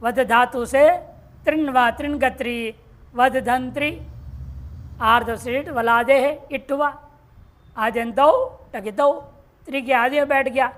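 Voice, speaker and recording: A woman teaching Sanskrit grammar in a classroom lecture, reciting word forms slowly and explaining each step patiently. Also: high-pitched, fairly even intonation. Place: ashram classroom.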